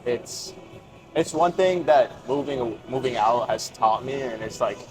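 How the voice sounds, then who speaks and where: A man's voice: mid-range voice, a little slow, low-quality recording. Young man hosting a casual chat. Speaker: interviewer and host.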